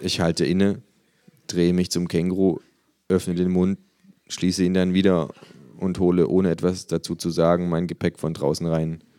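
A man reading his comic story aloud in dry, deadpan first-person narration. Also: low voice, moderate pace. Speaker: reader.

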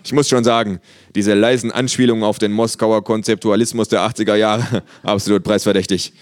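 A man playing a booming, pompous art critic. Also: little pitch movement, a little fast, darkish tone, no room sound, lightly acted. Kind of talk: audiobook character voice.

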